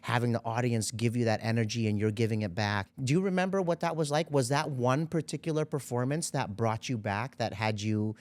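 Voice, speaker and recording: Male podcast host, mid-pitched, encouraging, recorded dry and close. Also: fairly quick, few pauses, no echo. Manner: encouraging, lots of affirming yeahs. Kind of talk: conversational interview.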